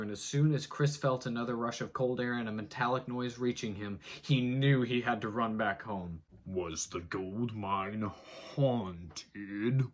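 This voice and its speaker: A man with a somewhat bright, husky voice gives a theatrical, mock-dramatic reading of an article, breaking off for muttered sarcastic asides. His delivery swings between booming and muttered.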